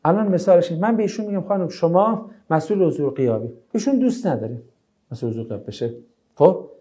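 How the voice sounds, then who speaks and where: A male teacher explaining a lesson to his class, often asking rhetorical questions. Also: high-pitched. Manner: animated, explanatory.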